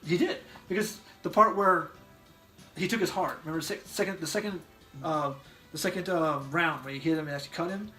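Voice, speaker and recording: An animated man talking through a casual movie review with his co-host. His voice sits a little high, and he rambles with restarts and bursts into loud acted yells. Faint music plays underneath. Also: fairly quick. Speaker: podcast co-host.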